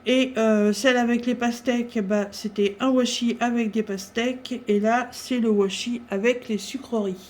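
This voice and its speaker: A woman chatting casually through a craft-supply haul, talking with many pauses and fillers. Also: a little high, steady tone, darkish tone.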